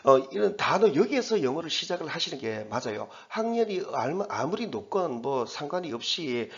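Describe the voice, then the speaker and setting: A man teaching English, going through an exam passage in a chatty way and reading the English words slowly. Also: on the high side, very animated, dull audio. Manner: chatty, repeats himself, reads English slowly word by word.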